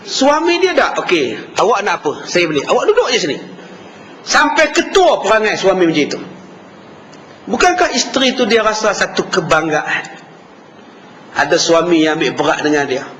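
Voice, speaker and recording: A Malaysian Malay man delivers a lively sermon, his voice high and bright as he jumps between acted-out characters. He sounds like he is in a reverberant mosque hall, with a faint hum of background noise. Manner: animated, acts out dialogue with shifting voices. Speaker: preacher.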